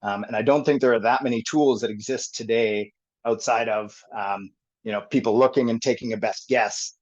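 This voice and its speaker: A man presenting a technical topic on a group call, thinking aloud with many pauses and fillers. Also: mid-range voice, steady tone. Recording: dull lo-fi call audio.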